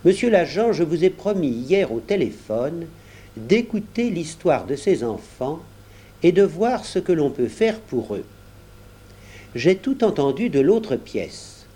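A mild, polite elderly gentleman in a storybook, put on by a man reading aloud. He speaks softly and courteously, with a slightly raised, gentle tone. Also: fairly high pitch, slow, slightly rough, full character voice. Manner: soft, courteous, calm. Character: slim grey-haired polite old gentleman.

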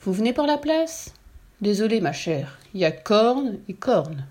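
A woman's voice: mid-range voice, sing-song, unhurried, a little mellow. Woman doing a rude disagreeable stag. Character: unpleasant male stag.

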